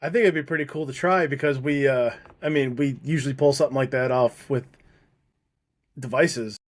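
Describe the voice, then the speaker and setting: A man's voice: mid-range voice, steady tone, normal speed. A man co-hosting a casual podcast chat, talking in loose, rambling bursts with frequent restarts. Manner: rambling, many restarts, laughs easily. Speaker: podcast co-host.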